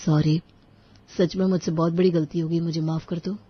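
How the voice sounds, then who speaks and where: A woman voicing a hot-tempered young married man who is protective of his father and quick to raise his voice. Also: lowish voice, flat delivery, breathy edge, highs cut off. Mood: remorseful. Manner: indignant, raises voice.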